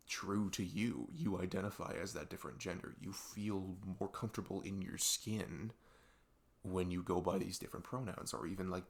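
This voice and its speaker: A young man's gravelly voice carries this intimate ASMR roleplay, where he plays an earnest male best friend opening up late at night in deep talk that sounds unscripted. His manner is rambling, halting and reflective, with frequent "like" and "you know".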